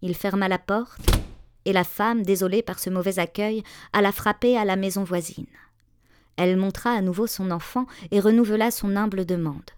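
A woman reads a storybook tale aloud, measured and expressive. Her voice sits in a natural middle register and sounds close and dry. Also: mid-range voice, clean tone, no echo. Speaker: narrator. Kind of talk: storybook reading.

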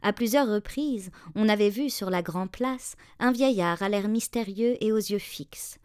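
A woman narrating a fairy tale in a measured, expressive reading voice. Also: mid-range voice, clear, resonant tone, no echo, studio quality. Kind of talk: storybook narration.

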